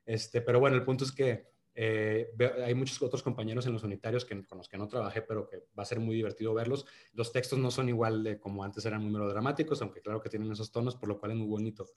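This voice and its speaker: This Monterrey-born man in his thirties speaks fast with hardly any pauses, in a fairly low, steady, darkish voice with a northern Mexican accent. As a podcast guest in a casual interview, he restarts and uses fillers frequently, first earnest, then joking.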